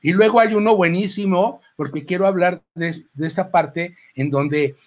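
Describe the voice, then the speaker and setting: A man's voice: high voice, moderate pace. A man with a Mexican accent, a clown, giving a chatty, rambling speech into a handheld microphone at a book presentation. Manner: rambling, chatty, full of asides and quoted lines. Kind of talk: informal speech at a book launch. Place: presentation table at an event.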